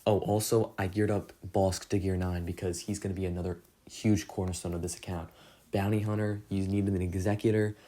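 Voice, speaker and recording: A man's voice: sits low, level tone, fairly quick, warm tone. A young man casually recapping his game progress, rambling and poking fun at himself. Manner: rambling, self-deprecating, many fillers. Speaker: gaming channel host.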